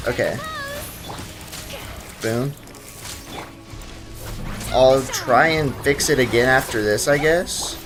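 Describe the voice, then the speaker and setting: Speaking slowly and pausing often, a young man with a mid-range voice plays a video game on a live stream. He chats with his audience, greets the chat and narrates to himself, while game music plays faintly.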